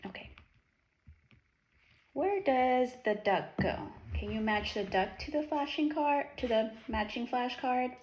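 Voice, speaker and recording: A woman's voice: high voice, a little slow, a little mellow, dull audio. A woman teaching a young child with simple prompts and repeated praise, talking as if to a toddler in an encouraging way. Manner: encouraging, repetitive, sing-song animal sounds and praise. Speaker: teacher or speech therapist working one-on-one with a young child. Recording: noisy, echoey room recording.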